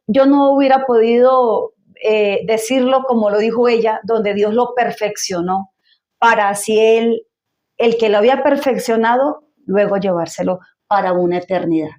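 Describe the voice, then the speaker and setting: A woman's voice: on the high side, a little mellow, muffled recording. A woman hosting a church interview program, who exhorts listeners in an uplifting, preaching way.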